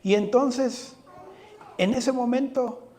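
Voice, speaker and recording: A man's voice: extremely high pitch, takes it slowly, warm tone. A man preaching a sermon, speaking earnestly, often putting rhetorical questions to the congregation and addressing them directly.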